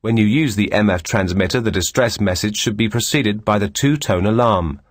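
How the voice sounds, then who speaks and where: A man with a fairly low voice reads scripted instructional narration as a course instructor, measured and formal, enunciating clearly.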